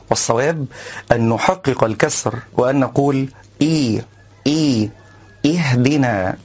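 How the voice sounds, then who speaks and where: A man of ordinary pitch gives a calm recitation lesson, breaking off to demonstrate sounds slowly and carefully. The recording is somewhat dull and lo-fi. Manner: explains calmly, then recites slowly, stretching words. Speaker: Quran recitation teacher. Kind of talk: instructional lesson with slow recited examples.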